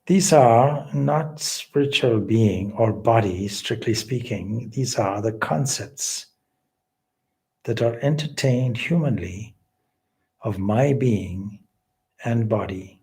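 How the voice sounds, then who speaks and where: This man, a spiritual teacher leading a guided meditation, has a mellow voice of medium pitch. He speaks solemnly and deliberately in measured phrases with long pauses.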